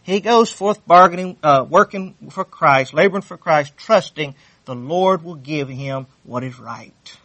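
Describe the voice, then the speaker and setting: A man's voice: a little high, measured pace, hardly any pauses, pushed and bright, dry recording. A man preaching a sermon, fervent and repetitive, reading scripture aloud with rising intensity. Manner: fervent, repeats phrases, reads scripture aloud.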